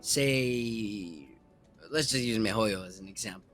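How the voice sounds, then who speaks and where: A man's voice: on the low side, measured pace, fairly bright tone, soft background music. A man guest chatting casually about voice acting, rambling with many fillers. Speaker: guest, aspiring voice actor. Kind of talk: casual interview chat.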